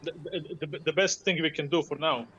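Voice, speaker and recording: A man playing a tabletop role-playing game, talking casually in halting, repeated starts. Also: a little high, fairly even intonation, pushed and bright, lo-fi sound. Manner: halting, repeats words while planning. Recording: faint music behind the voice.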